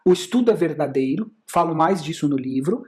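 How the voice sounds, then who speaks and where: Speaking at a medium pitch, a bit fast and slightly mellow, a communication and sales instructor with a Brazilian Portuguese accent lectures over slides. They explain their points, posing rhetorical questions and answering them.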